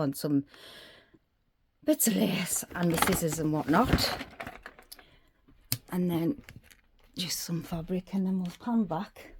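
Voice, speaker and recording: In a fairly low, somewhat mellow voice, a woman who vlogs about crafting rambles through a tour of her small craft room. A bit breathless, she chattily lists supplies as she goes, with slight noise in the background.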